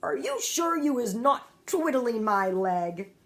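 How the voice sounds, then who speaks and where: A woman's voice: on the high side, big pitch swings, slow, a bit bright, voice pushed up, exaggerated voice. A woman voicing a big, kindly male giant who jumbles his words, in a storybook reading. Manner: jumbled made-up words, eager.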